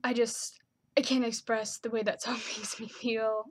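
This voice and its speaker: A woman's voice: fairly high pitch, little pitch movement, a little slow, husky. A young woman chatting casually to her camera, with lots of "like" and "um" fillers. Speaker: vlogger.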